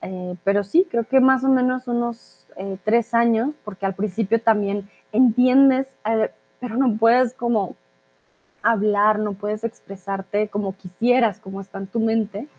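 A chatty Colombian woman hosts a live language chat, reading out viewer questions and answering with lots of "eh" fillers. Her slightly high voice has fairly even intonation and a measured pace, and the sound is thin and narrow like a phone line.

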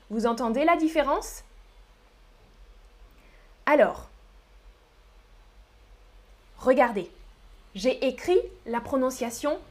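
A woman from the Paris region teaching French pronunciation in a live online lesson, speaking with a Parisian accent and repeating each example slowly and carefully. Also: on the high side. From Paris region, France.

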